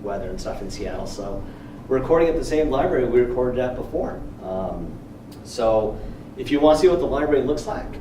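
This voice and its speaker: A man's voice: mid-range voice, expressive, fairly quick, mellow. A man hosting a podcast in a casual, chatty style, addressing the audience. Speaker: podcast host. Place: library room. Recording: roomy, distant mic, faint noise.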